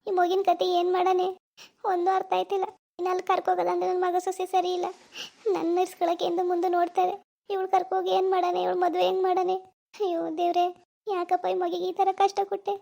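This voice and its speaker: A grieving old village aunt in a cartoon, played by a woman, lamenting and tearful, her voice very high-pitched. She speaks, with heavy sighs of "ayyo". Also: monotone, fast, gravelly, dark tone. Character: elderly village aunt mourning her sister. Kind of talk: cartoon voice acting.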